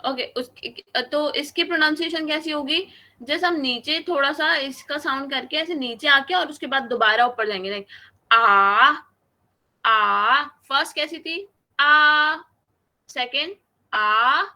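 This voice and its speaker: Bright high-voiced woman teacher. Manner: patient, drawn-out demonstration of sounds. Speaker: Chinese language teacher. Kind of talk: online class lesson. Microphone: video call.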